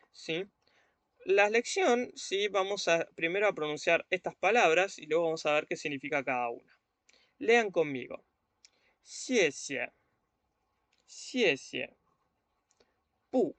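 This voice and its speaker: Man teaching a lesson, kinda high voice, slow careful repeats, dry sound. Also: fairly bright tone, no room sound. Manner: patient, repeats words slowly, often checks in with "¿sí?". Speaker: Chinese teacher. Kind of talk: online language lesson.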